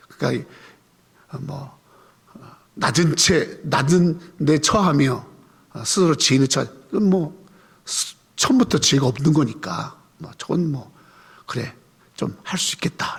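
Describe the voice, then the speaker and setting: A man's voice: mid-range voice, vocal fry, breathy edge. A man preaching a conversational sermon, asking the congregation questions and leading them in reading scripture aloud. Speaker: pastor. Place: church sanctuary. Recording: long hall reverb.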